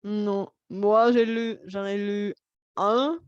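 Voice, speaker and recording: A Bulgarian woman hosting a casual conversation in a foreign language, pausing often with fillers as she searches for words. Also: medium pitch, fairly even intonation, smooth, dry recording, highs cut off. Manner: hesitant, many fillers while searching for words. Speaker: host.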